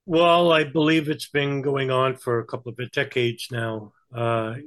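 A man's voice: mid-range voice, flat delivery, measured pace, fairly bright tone. Male commentator, New York accent, conversational explainer with hesitant, stop-and-start delivery. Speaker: interview guest giving political and historical commentary.

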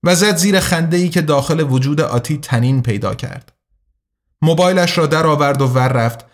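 A man narrating a story in an even, measured way. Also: on the high side. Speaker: audiobook narrator. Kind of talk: scripted narration.

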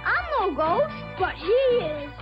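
A young performer playing an excited ghost-hunting kid, exclaiming lines in a toy commercial. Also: extremely high pitch, takes it slowly, heavily acted. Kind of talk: toy commercial dialogue, excited kids at play. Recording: dull old TV ad under loud music.

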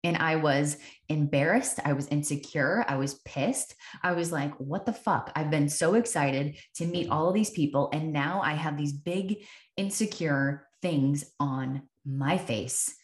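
A woman's voice: low voice, a little slow. A woman hosting a podcast, telling a personal story in an earnest, reflective way and repeating phrases for emphasis. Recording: echoey room.

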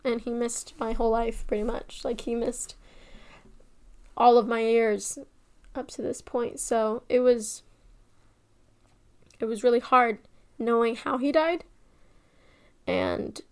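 A young woman telling a personal family story, emotional and shifting between hushed and excited. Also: a little high, slow pace, gravelly, long pauses, smooth. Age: young adult.

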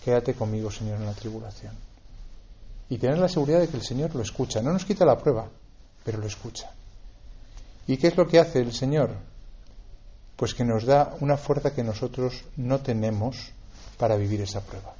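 A man's voice: medium pitch, fairly quick, pauses often, mellow, slightly rough. A man from giving a conversational homily, with many tag questions and repeated words. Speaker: priest. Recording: dull lo-fi recording.

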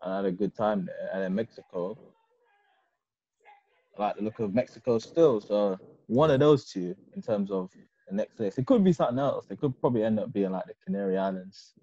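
A man's voice: fairly low pitch, animated, fairly quick, mellow, dry recording. A man with an urban London roadman accent, chatting casually and informally in slang with friends. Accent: London, urban street slang. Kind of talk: casual podcast group chat. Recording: slightly dull, lo-fi sound.

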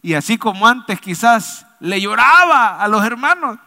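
High, bright-voiced male preacher in a hall. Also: sing-song, unhurried. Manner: preaching, calls on the congregation to repeat; acts out voices in stories. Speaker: pastor. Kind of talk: sermon. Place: church.

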